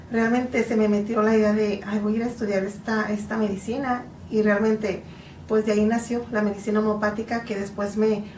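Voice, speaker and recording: A woman's voice: a little high, a little mellow. Mexican woman answering from far off. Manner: earnest, explanatory, slow in places. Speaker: guest psychotherapist. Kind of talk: interview answers. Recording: echoey room, distant from mic, faint noise.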